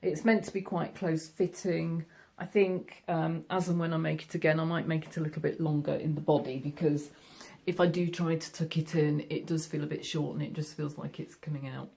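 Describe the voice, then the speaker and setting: With a low, creaky, mellow voice, a middle-aged Yorkshire woman talks brisk and level-toned about her sewing. She's a sewing vlogger chatting casually and warmly to camera from her sewing room at home, using plenty of fillers.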